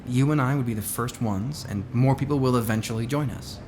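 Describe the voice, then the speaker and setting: A voice actor in a naturalistic musical audio drama plays a glib, confident billionaire who founded a space colony. His natural, medium-pitched voice moves fairly quickly, sounding casual, assured and persuasive. The background is noisy.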